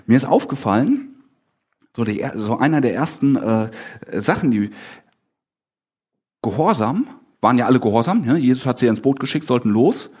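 Male preacher. Slightly husky, very animated delivery. Talks to his congregation conversationally. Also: medium pitch, moderate pace, pauses often. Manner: animated, asks the congregation questions, acts out the disciples' lines. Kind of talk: lively conversational sermon.

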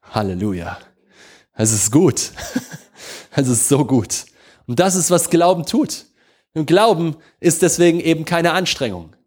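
A man preaching a sermon, swinging between slow, emphatic proclamation and soft, intimate prayer, often checking in with his congregation. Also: a little high, expressive. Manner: addresses congregation with repeated questions.

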